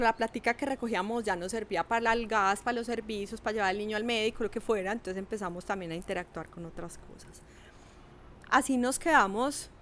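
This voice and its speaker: A middle-aged woman, telling a personal story in a lively, animated way with acted quotes. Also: fairly high pitch, slight background noise. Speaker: podcast guest. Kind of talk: casual storytelling.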